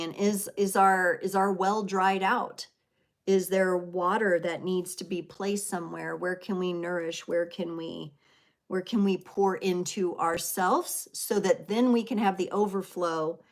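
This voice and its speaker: A woman hosts a live tarot reading. She talks in an earnest, heartfelt, rambling way, teary and sniffling, and keeps checking in with "right?" and "you know". Her voice sits at a middle pitch for a woman. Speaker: tarot reader hosting a live stream. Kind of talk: live stream spiritual talk.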